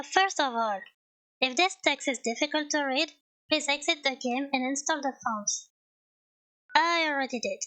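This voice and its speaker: A woman's voice: sits high, sharp tone, poor audio. A young woman streamer talking casually and self-mockingly as she plays a game, then reading its text aloud.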